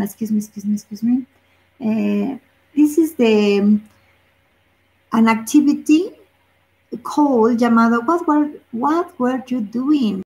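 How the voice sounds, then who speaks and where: Gravelly-voiced woman teaching English. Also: a little high, a little mellow. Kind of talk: bilingual classroom explanation.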